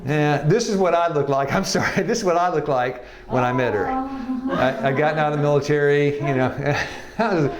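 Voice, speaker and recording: Laughing often and cracking folksy jokes, a man in his sixties who teaches health evangelism shares his personal testimony with a class. His fairly high voice has lively intonation and normal speed, in a reverberant room with crowd noise.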